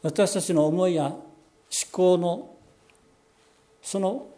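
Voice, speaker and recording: A pastor giving a sermon, explaining scripture in a measured way and slowing down on key phrases. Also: male voice, sits high, dark tone. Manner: measured, explanatory preaching with slowed emphatic phrases.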